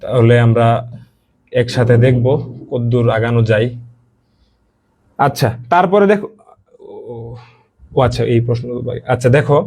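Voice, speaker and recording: A man's voice: mid-range voice, lively intonation, measured pace, long pauses, darkish tone. Man teaching a class. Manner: explains step by step, repeats key words, addresses students directly. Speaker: admission coaching teacher. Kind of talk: online class lecture.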